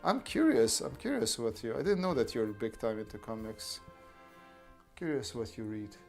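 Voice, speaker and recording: With faint music behind him, an artist streamer answers his chat and explains drawing steps on a relaxed art livestream. He's expressive at a normal speed, his mid-range voice darkish in tone and marked by vocal fry.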